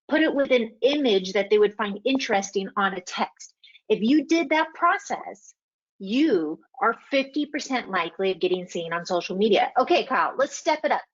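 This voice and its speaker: A woman's voice: medium pitch, muffled recording. Emphatic woman coaching a webinar. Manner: emphatic, coaching, repeats key points. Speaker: webinar host. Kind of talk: marketing webinar talk.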